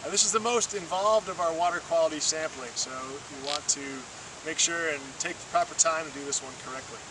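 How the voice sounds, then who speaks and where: A water-quality field trainer, speaking in a slightly high voice a little fast, patiently walks through a hands-on demonstration step by step with encouragement. He's outdoors beside flowing water, picked up by a distant mic under loud stream noise.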